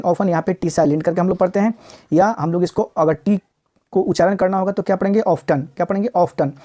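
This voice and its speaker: This woman's lowish, mellow voice leads a recorded vocabulary lesson: she drills words through repetition, asks rhetorical questions, and slows down to spell and sound each one out.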